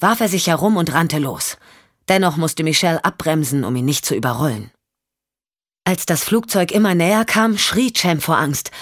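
A woman narrating a thriller audiobook in steady, measured storytelling. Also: lowish voice, no room sound, studio quality.

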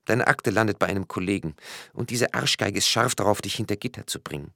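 A man's voice: fairly low pitch, brisk, gravelly, pushed and bright, no room sound, clean studio sound, pitched above the performer's own voice. A man voicing a stunned, self-pitying male tax official speaking in a plaintive tone, in a read-aloud crime story.

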